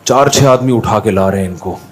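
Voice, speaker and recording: A middle-aged man telling anecdotes over a drawing video, animated and acting out other people's lines. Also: on the low side, a little fast. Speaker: drawing channel host.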